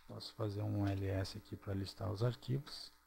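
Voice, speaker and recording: Guy doing a slow screencast tutorial, lowish mellow voice, little hum behind. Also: fairly even intonation, vocal fry. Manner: slow, step-by-step, checks in with "ok?" and "certo?". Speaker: programming tutorial presenter.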